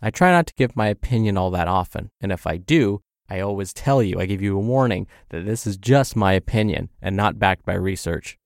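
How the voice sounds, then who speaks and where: Gravelly and low-pitched, this health show host talks a little fast with hardly any pauses, yet stays expressive. He reads scripted advice straight to the listener in an upbeat, orderly, teaching manner. The studio sound is clean and dry.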